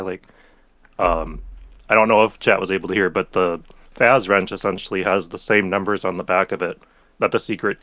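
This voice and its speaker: Deep-voiced easygoing man, dry close mic. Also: fairly bright tone, dry recording. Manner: easygoing, chuckling, thoughtful. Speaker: livestream guest. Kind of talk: casual livestream chat.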